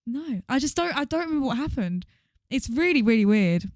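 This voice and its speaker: A woman's voice: high-pitched, very animated, fairly quick, darkish tone, no room sound, clean studio sound. A young woman, co-hosting a podcast. She is chatty and teasing and laughs often. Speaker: podcast co-host. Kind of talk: casual chat.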